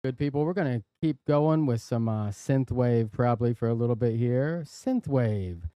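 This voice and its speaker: A man's voice: medium pitch, lively intonation, moderate pace, warm tone, clean tone, dry recording. A man hosting a live stream from his workshop, chatting casually and playfully reading out viewer jokes. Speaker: livestream host. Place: workshop and studio.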